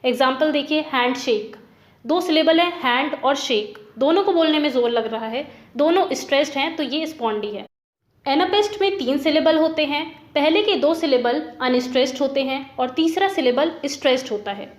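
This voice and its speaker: A woman's voice: sits high, lively intonation, fairly quick, roomy sound. A woman teacher explaining literary terms step by step, repeating points and giving examples.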